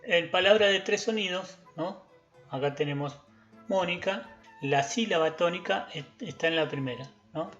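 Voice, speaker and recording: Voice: mid-range voice, moderate pace, a bit bright, dull audio. A music teacher giving a recorded lesson, patiently chanting example words syllable by syllable.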